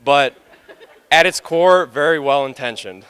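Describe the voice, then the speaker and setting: A man's voice: a little high, measured pace, fairly bright tone, smooth, poor audio. A young American man giving a rambling, joking best man speech in a conversational, teasing way, with frequent ums and asides. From West Virginia, United States. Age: young adult.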